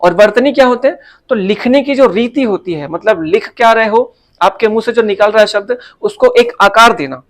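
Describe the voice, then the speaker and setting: A man with a high voice teaches a Hindi class in a relaxed way. He walks through exam answers step by step, often checking in with tag questions and fillers as he goes. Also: moderate pace. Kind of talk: casual exam answer walkthrough.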